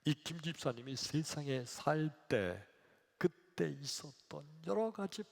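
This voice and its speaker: Male pastor, high, animated storyteller, echoing sanctuary. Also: a little slow, gravelly. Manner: dramatic, expressive storytelling. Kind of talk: sermon storytelling. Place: church sanctuary. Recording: reverberant church hall.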